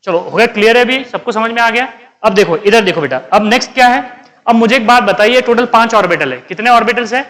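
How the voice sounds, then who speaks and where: Man, chemistry teacher, high bright voice, classroom lecture, quizzes and scolds students. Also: fast talker. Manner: quizzing students, answering his own questions.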